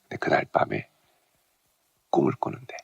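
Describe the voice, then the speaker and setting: A middle-aged male pastor preaching a dawn sermon. He tells a story with lively emphasis and often drops to a hushed, near-whispered delivery. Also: moderate pace, highs cut off. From South Korea.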